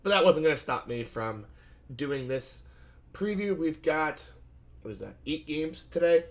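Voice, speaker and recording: A man hosts a solo fantasy basketball betting slate preview with a fairly high, expressive voice at a measured pace. Shouting at a game left him hoarse and scratchy, and he talks conversationally, thinking aloud, self-correcting and using plenty of fillers.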